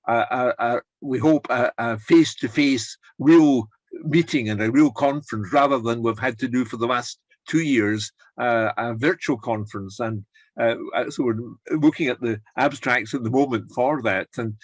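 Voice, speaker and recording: A man's voice: mid-range voice, breathy edge, dry recording. An older man leading an online course, chatting encouragingly over a video call and rambling with restarts. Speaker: course leader. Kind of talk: casual chat on a video call.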